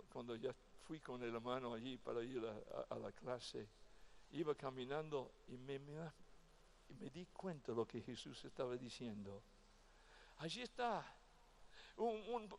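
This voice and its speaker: A male pastor preaching a sermon at a convention with emotional delivery that swings from loud to hushed. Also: on the high side, a little slow, creaky, a little hiss or hum. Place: convention event.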